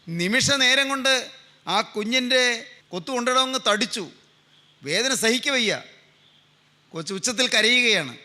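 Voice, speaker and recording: A man's voice: extremely high pitch, expressive, normal speed, long pauses, sharp tone. An older man preaching a sermon with a Malayali accent, telling a story fervently and repeating phrases in a pleading way.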